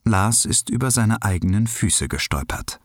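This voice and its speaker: A man reading a children's story aloud in an expressive, unhurried way. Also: no echo, clean studio sound. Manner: expressive, unhurried, lively pitch.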